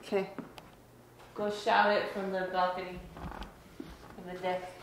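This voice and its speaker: A woman chatting casually and playfully, laughing easily while warming up by a fire. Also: on the low side, little pitch movement, a little slow, heavy background noise. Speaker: vlogger's companion. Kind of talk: casual chat.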